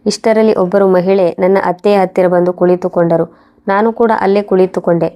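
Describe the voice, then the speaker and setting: Woman reading out a moral story in first person, steady and even, pretty flat delivery, soft mellow tone. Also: lowish voice, a little fast.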